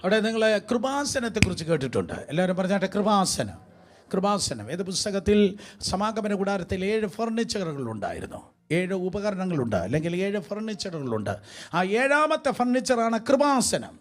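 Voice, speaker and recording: A man preaching a sermon to a congregation, calling for responses and mixing in English words. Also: a little high. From India.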